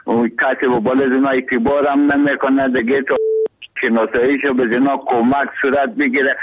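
A man with an Afghan Dari accent from Badghis, a radio show caller politely giving his opinion over the phone. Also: mid-range voice. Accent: Afghan Dari, provincial Badghis. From Afghanistan, Badghis province. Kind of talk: phone-in opinion and question to a guest. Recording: narrow tinny phone line on radio.

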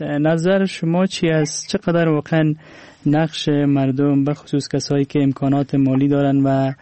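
A man with an Afghan Dari accent hosting a radio phone-in, politely questioning callers in halting phrases. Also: mid-range voice, warm tone. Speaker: radio call-in show host.

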